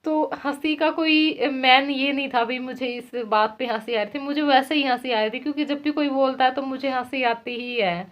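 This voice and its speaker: Brief: bright-pitched woman vlogger, chatty and laughing, muffled lo-fi home recording. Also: steady tone, moderate pace, hardly any pauses. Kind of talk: casual chat to viewers. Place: village home. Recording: dull lo-fi sound.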